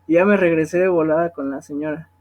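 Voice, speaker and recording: A man's voice: fairly high pitch, fairly even intonation, fast talker, highs cut off. A young man with a Mexican accent telling a personal testimony in a conversational way, often checking in with his listeners. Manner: conversational storytelling, often asks the audience "¿no?".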